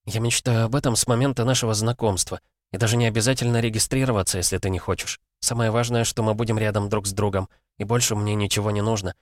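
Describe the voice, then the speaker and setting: A man voicing a gentle young woman in love in an audiobook, speaking softly. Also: on the low side, fairly even intonation, fast talker, hardly any pauses, dry recording, clean studio sound, pitched above the performer's own voice, lightly acted. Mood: tender.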